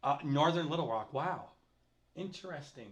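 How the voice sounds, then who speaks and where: A middle-aged man hosting a casual livestream chat, animated and reading viewer comments aloud. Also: on the high side, normal speed. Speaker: host.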